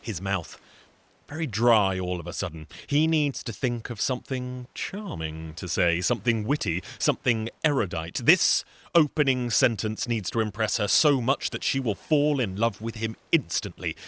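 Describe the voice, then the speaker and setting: On the low side but fairly bright in tone, a man with a British accent performs a scripted comic story, chatty and wry with lots of asides. He's a storyteller and singer, and the recording has no echo.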